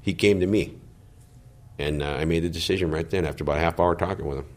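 A middle-aged man, a former gang member, giving slow, heavy, confessional testimony in an interview. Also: low voice, steady tone, darkish tone. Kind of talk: reflective personal testimony.

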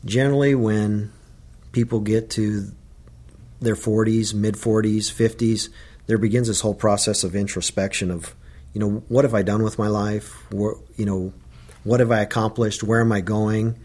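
A man who works as a special agent, explaining things in a deliberate, thoughtful way during an interview. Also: on the low side, fairly even intonation, darkish tone. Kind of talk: interview commentary.

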